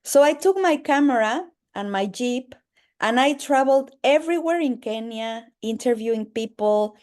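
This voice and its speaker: A woman diplomat in her forties who grew up in Mexico City, telling her story in an earnest, measured way as a guest. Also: on the high side, darkish tone. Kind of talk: interview answers.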